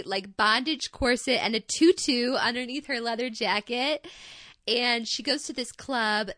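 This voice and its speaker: A young woman with a Midwestern accent, co-hosting a show and recapping an episode in casual, wry, animated chat. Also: a little high, no room sound, clean studio sound. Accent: Midwestern American. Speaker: podcast co-host.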